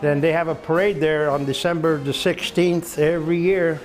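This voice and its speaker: A Belgian man in his seventies chats casually in a folksy, agreeable way while filming a visit with a veteran, acting as both home videographer and visitor. His voice is slightly high and steady, at a normal speed. Soft music plays in the background, and the recording quality is low.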